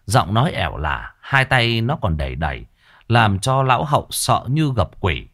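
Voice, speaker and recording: Animated male storyteller. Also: fairly low pitch, moderate pace. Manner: earthy, colloquial, animated. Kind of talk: storytelling narration.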